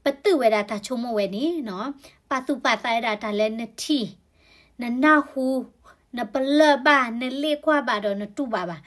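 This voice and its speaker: A woman's voice: fairly high pitch, a little slow, fairly bright tone. A woman explaining health topics in a conversational way, often adding tag particles to her sentences. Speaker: health educator.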